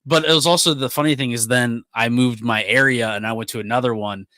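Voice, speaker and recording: A young man, co-hosting a casual podcast and telling animated stories with frequent laughs. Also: mid-range voice, fairly quick, no echo. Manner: animated storyteller, laughs often. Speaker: podcast co-host. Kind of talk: casual chat.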